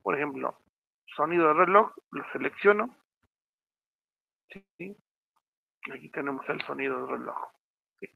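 A man with a Mexican Spanish accent walks students through a programming tutorial one step at a time, often pausing to ask if they are following. His voice sits a little high and has a gravelly edge. The sound is tinny and narrow, like a phone line, with no room echo. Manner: step-by-step, checks in with frequent "¿sí?". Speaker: teacher. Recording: tinny phone-like audio, dry.

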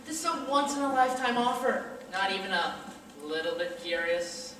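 A woman acting a brash male con man who stages fake drownings, pitching with pushy salesman patter on a school stage. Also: steady tone, normal speed, fairly bright tone, natural voice. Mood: wheedling. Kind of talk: high school stage play. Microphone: far camera. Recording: echoey hall from far off.

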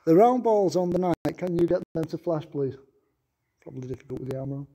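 Speaking in a slightly high, mellow voice with lively intonation and a somewhat fast delivery, this Mancunian ghost hunter coaxes a spirit in a castle's stone chamber at night. He stays courteous, repeating his requests with "please."

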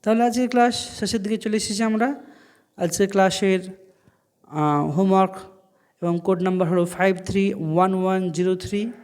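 High-voiced man teaching Arabic grammar. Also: a little mellow, clean tone. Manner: explains grammar, repeats Arabic phrases slowly, then translates. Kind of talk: online language lesson.

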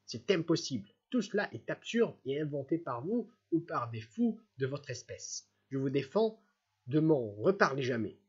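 Un jeune prince droit et sincère qui questionne avec insistance, lu par un homme dans un livre audio. Sa voix est un peu voilée. La prise de son est légèrement sourde. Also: male voice, a little high, very animated, normal speed, husky, lo-fi sound, exaggerated voice. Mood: indignant. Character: earnest, upright young prince, easily indignant.

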